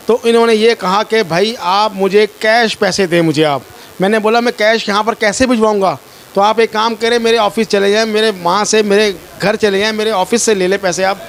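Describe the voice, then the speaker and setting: In a high-pitched voice at normal speed, a man from Pakistan gives a reporter his personal account of an ordeal. He is distressed and pleading and repeats himself often.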